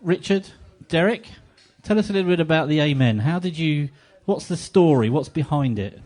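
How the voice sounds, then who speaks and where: Male event host, lively pitch, bantering with guests in a cafe. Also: moderate pace. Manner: jokey, chatty and animated. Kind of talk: live on-stage interview. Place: cafe venue with a live audience.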